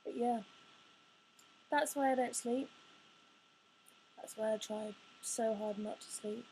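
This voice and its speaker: A woman in her twenties talking about her own life in a halting way, restarting phrases, her words sometimes coming out in a rush. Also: on the high side, fairly even intonation, dark tone, a little hiss or hum, poor audio. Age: 20s. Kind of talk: personal confessional talk.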